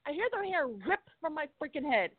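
A woman, an actress and stunt performer, telling animated stories from film sets in a casual interview, swearing and acting out quotes. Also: sits high, fairly quick, dry recording. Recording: dry thin phone-like sound.

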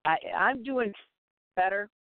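A man calling in as an interview guest over a cell phone connection that keeps breaking up, speaking in halting, cut-off phrases. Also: high-pitched, lively intonation, dry recording. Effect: breaking-up cell phone line. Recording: tinny, dry cell phone line.

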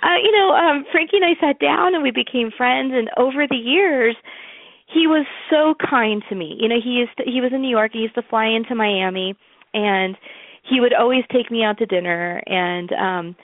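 Woman interview guest, gravelly voice, chatty storyteller, dry tinny phone sound. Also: a little high, normal speed, no echo. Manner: chatty storyteller, many fillers and restarts, laughs often. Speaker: interview guest, music promoter. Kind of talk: casual interview talk.

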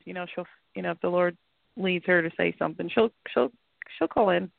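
A woman's voice: on the low side, brisk, vocal fry, no room sound. A woman chatting casually as a talk show panelist, hesitant and repeating herself. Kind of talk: casual chat. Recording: dry, tinny phone-line audio.

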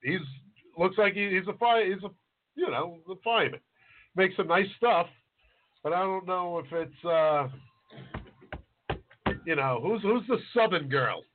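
A man's voice: high-pitched, lively intonation, a little slow, long pauses. A chef in his forties chatting casually, rambling and self-deprecating with a joking manner. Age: 40s. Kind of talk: casual podcast chat. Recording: tinny phone-like line.

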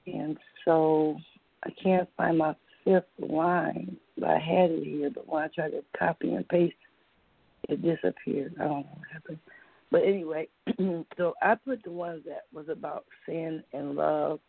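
A woman calling in to a radio show, her voice thin and tinny like through a tin can phone, talking in a halting way as she searches for words. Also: low voice, steady tone, gravelly, husky, dry recording. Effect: tinny phone sound, like a tin can phone. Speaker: caller. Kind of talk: call-in poetry reading.

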